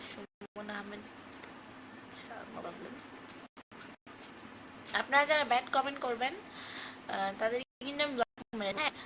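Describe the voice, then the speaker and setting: A woman's voice: a little high, noisy background. A woman hosting a casual live stream, reading fan comments aloud in a chatty, teasing way and singing snatches of song. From Bangladesh.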